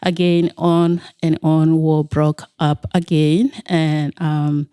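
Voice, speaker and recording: A middle-aged woman from South Sudan speaks as an interview guest, slowly and with frequent pauses and fillers. Her voice is smooth and clear, sitting a little low. The studio recording is dry. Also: little pitch movement, mellow, dry recording. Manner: measured, hesitant with many fillers. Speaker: nonprofit founder, guest. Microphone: studio microphone.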